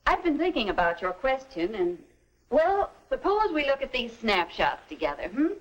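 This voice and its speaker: Gently instructive 1950s American mother, lilting voice. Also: sits high, very animated, rough recording. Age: middle-aged. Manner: measured, tidy, explanatory. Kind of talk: stagy 1950s educational film acting.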